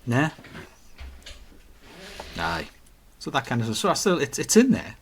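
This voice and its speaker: A man, chatting casually as a podcast co-host, telling stories with animated acted-out quotes. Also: medium pitch, measured pace, creaky, slight background noise. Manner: animated storytelling, acts out quotes. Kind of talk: casual chat.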